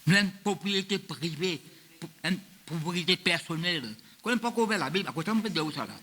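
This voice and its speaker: A man's voice: high voice, lively intonation, a little fast, sharp tone. A man, preaching a sermon as pastor of a church, in a loose, repetitive style that mixes French and Creole. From Mauritius.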